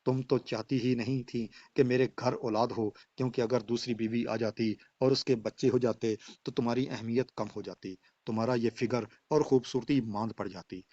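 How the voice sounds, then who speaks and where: A man's voice: mid-range voice, fairly even intonation, few pauses, warm tone, no echo, natural voice. A man voicing a betrayed husband who speaks in stern, accusing declamation. He reads the husband in a dull, dry lo-fi recording. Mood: bitter. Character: betrayed husband, bitter and unforgiving.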